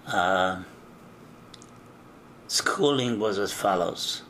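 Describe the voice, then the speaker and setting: An older man from eastern Czechoslovakia giving an oral history interview, recalling things in a slow, measured way with frequent hesitations. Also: on the low side, animated, sharp tone, a little hiss or hum.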